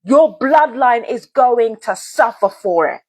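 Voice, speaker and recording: A woman's voice: a little high, animated, slow, darkish tone, breathy edge. A woman vlogger delivering a heated, profane rant straight to her viewers, repeating herself and swearing often. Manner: angry, profane, repetitive. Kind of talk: heated direct-to-camera rant.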